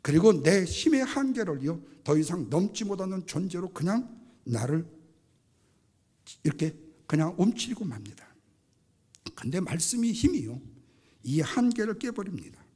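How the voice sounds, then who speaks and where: Animated high-pitched Korean pastor preaching. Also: male voice, slightly rough. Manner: dramatic, acts out biblical quotes in voices. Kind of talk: Sunday sermon. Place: church sanctuary.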